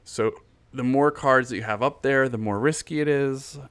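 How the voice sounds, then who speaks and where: A man hosting a solo board game design podcast, thinking aloud in a halting way with restarts while he has the hiccups. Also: mid-range voice, fairly bright tone, clean tone, dry recording.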